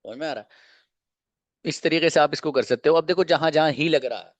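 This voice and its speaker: A man teaching English grammar to a class, drilling example sentences slowly and checking understanding with quick questions. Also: fairly high pitch, no room sound.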